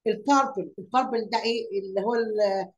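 A woman's voice: medium pitch, quick pace, highs cut off, slight background noise. A woman with an Egyptian Arabic accent teaching young pupils. She repeats words, asks questions aloud and mixes English lesson words into her Arabic explanations.

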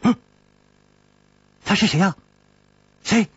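A man voicing a proud, sharp-tongued young swordswoman, speaking in a soft, low, teasing way. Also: takes it slowly, no room sound, lightly acted. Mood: probing. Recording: dull lo-fi recording.

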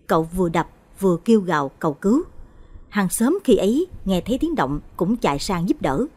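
A woman storyteller giving expressive, dramatic narration of a scripted horror story. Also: medium pitch, brisk, slightly rough.

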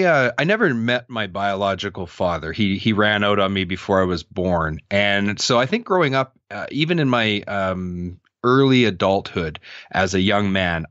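A man's voice: on the low side, fairly bright tone, dry recording, highs cut off. A man in his thirties answering interview questions in an earnest, reflective way, often restarting his sentences. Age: 30s. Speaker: podcast guest.

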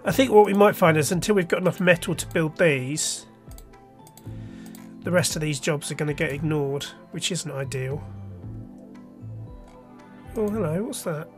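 Faint music sits behind this let's play host as he casually talks through his game, thinking aloud, restarting and pausing often. He has a cold, so his fairly high voice is slightly nasal from a stuffy nose, and his pace is moderate.

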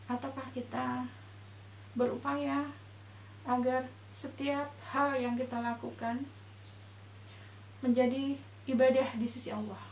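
A woman with a high voice gives a gentle, measured religious talk in a roomy indoor space. A faint hum sits under her voice, and the sound has some echo. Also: level tone, vocal fry. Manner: gentle, reflective, measured delivery. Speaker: religious teacher. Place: indoor room before a patterned cloth backdrop.

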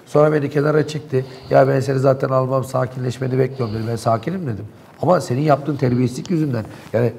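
A man's voice: mid-range voice, gravelly, darkish tone, slight background noise. A man in a local TV studio, animatedly and indignantly recounting events in heated talk.

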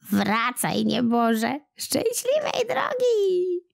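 Woman doing a high, slow, kindly old granny. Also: huge pitch swings, creaky, exaggerated voice. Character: cheerful rosy-cheeked kindly old woman.

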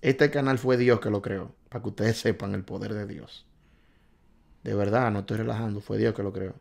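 A man's voice: lowish voice, moderate pace, gravelly. A man hosting a casual live stream, quizzing viewers on driving test questions and reading their answers aloud. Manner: excitable, reads out viewers' answers, jokes and scolds.

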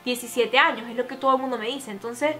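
A young adult woman telling a personal story to her viewers in a vlog, talking quickly and filling her sentences with little connecting fillers. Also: fairly high pitch, steady tone, sharp tone, soft background music. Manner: fast storytelling with many fillers. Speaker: YouTuber.

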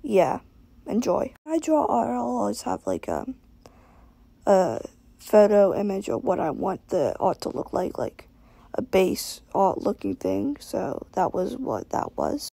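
A young woman who sounds tired and exhausted, casually narrating a drawing video in a creaky voice. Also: mid-range voice, huge pitch swings, unhurried, mellow, no echo. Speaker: amateur artist narrating own drawings.

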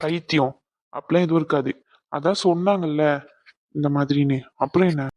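A gruff young husband in a cartoon who teases his wife and then comforts a crying friend, as a woman voices him. The voice sits a little low. The sound is close and dry. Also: fairly quick, a little mellow, no room sound, lo-fi sound. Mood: brusque. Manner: brusque, comforting. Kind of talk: cartoon voice acting.

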